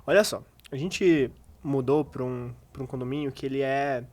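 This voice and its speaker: A man's voice: medium pitch, normal speed, a little mellow. A man hosting a podcast in casual chat, telling a story and laughing along. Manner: chatty, laughs along, uneven pace. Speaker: podcast host.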